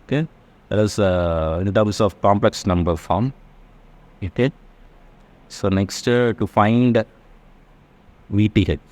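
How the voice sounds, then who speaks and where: Working through the math haltingly, an engineering lecturer explains a tutorial one step at a time and asks whether listeners are following. He speaks at a fairly low pitch with a slightly mellow quality.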